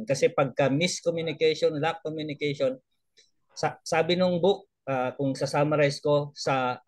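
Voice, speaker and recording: A man's voice: on the high side, dry recording. A man, sharing a report in a casual video-call talk, mixing in English, chuckling and restarting his phrases. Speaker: elder trainee sharing a report.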